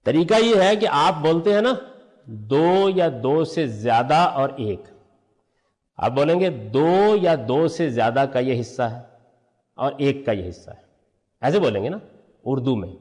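A man's voice: fairly high pitch, lively intonation, long pauses, a little mellow, in a large hall. An older man teaching a religious lesson, explaining step by step and answering his own questions. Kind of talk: lecture on Quranic language.

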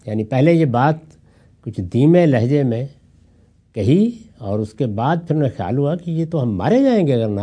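A man's voice: mid-range voice, dark tone, husky. An older man giving a Quran commentary lecture as an Islamic scholar, telling anecdotes and reciting Arabic verses.

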